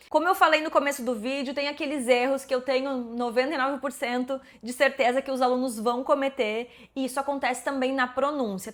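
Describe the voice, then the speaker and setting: A woman in her forties from Brazil, teaching English to camera and slowing down to model words. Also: high voice, a bit bright.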